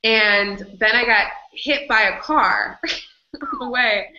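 A woman being interviewed, telling a personal story in an animated way and laughing often. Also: on the high side, slow pace, heavy background noise. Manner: animated, laughs often, acts out her own past words. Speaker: interview guest. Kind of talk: candid storytelling in conversation. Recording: slightly dull, roomy recording.

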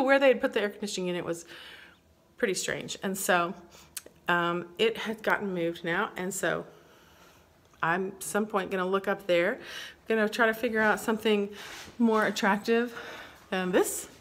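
Giving a home video tour of her bedroom mid-renovation, a middle-aged woman chats casually in a mid-range, fairly bright voice. This vlogger rambles and laughs a lot, and the bare room adds a long, echoing reverb.

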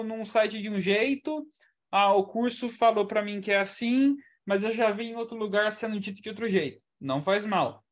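A man teaching English in an online class, explaining in a chatty way and checking in often with the students. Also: sits high. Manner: chatty, explanatory, ends points with "tá?".

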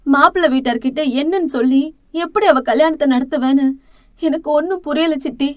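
A woman's voice: sits high, a little fast, no echo, clean studio sound, close to an everyday voice. A woman voicing an anxious middle-aged mother who pleads with worry in an audiobook drama. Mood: worried. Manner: worried, pleading.

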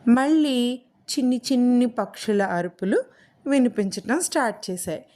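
A woman telling a moral story to children, addressing them directly in a slow, caring way. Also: on the high side, animated, dark tone. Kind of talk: moral story read aloud for kids.

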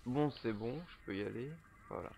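A young man giving casual, profane commentary while playing a horror game, joking and often shouting. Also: medium pitch, brisk, vocal fry, slight background noise. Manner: swearing, jokey, bursts of shouting. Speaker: gameplay commentator. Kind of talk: let's play commentary.

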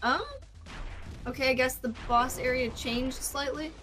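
A woman's voice: high voice, steady tone, a little slow, music in the background. Tired, wry woman joking over gameplay. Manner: laughing, swearing, wry running remarks. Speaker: co-host of a let's-play show. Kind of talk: casual game commentary.

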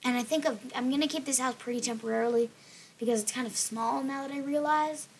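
Throaty, creaky young woman narrating gameplay. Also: sits high, fast talker, low-quality recording. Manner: rambling, apologetic, filler-laden. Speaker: gaming channel host. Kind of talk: casual gameplay voice-over.

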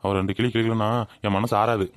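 A man's voice: lowish voice, level tone, clean tone, no room sound, lightly acted. A man playing a crafty, cheeky village farmhand, arguing and scheming. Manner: rapid, cheeky, argumentative. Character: crafty male village farmhand, feigns anger. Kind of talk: village comedy skit.

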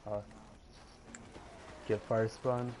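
A man's voice: lowish voice, flat delivery, drawn-out words. A man with a hyped gamer-bro manner, giving slangy, repeated callouts to teammates in casual game chat. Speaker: online team gamer. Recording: game voice chat with background noise.

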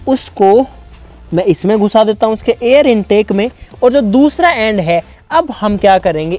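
A man talking casually to viewers while he demonstrates a bike trick, calling out repeated urgent commands to a helper. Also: high voice. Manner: chatty, addresses viewers as brother and guys, repeats urgent commands. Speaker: vlogger. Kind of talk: casual hands-on demo vlog.

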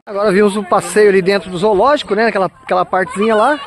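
Filming a laid-back walking tour vlog outdoors at a farm zoo, a man from Brazil talks in a rapid-fire, high-pitched voice with a steady tone. He calls out and points at things for his audience while crowds and vehicles can be heard around him.

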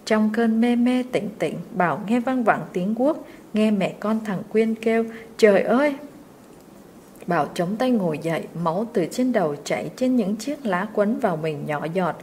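A woman storyteller reading a short story aloud in a steady, expressive way. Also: medium pitch, moderate pace, a little hiss or hum.

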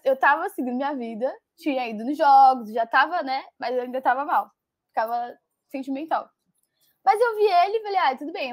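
A young woman telling a personal story as a guest, animated, laughing often and full of fillers. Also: high-pitched, no echo, clean studio sound. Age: young adult. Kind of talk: casual storytelling.

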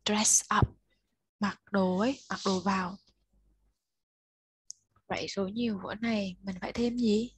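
A woman's voice: mid-range voice, steady tone, unhurried, long pauses, breathy edge, no echo. A woman tutoring a child one-on-one, patiently explaining step by step and prompting the learner to answer. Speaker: English tutor.

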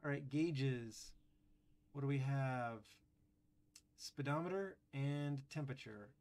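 A man's voice: mid-range voice, slow, darkish tone. A man hosting a gaming channel, giving casual, chatty commentary over gameplay with wry, sarcastic asides and lots of fillers.

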